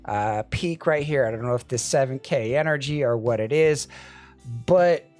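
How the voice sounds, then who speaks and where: A man's voice: mid-range voice, normal speed, darkish tone, soft background music. A man giving a casual, wry product review with frequent restarts. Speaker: audio gear reviewer.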